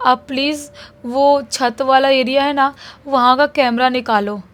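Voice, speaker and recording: A woman's voice: high voice, fairly even intonation, a little slow, fairly bright tone, pitched above the performer's own voice. Woman voicing a terrified crying young girl. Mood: frightened. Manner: panicked, tearful pleading.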